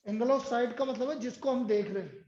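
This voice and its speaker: A man's voice: extremely high pitch, moderate pace, heavy background noise. A man teaching a class, drilling his students with repeated questions and answers and scolding them sternly. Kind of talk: classroom lecture. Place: indoor classroom. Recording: echoey muffled classroom recording.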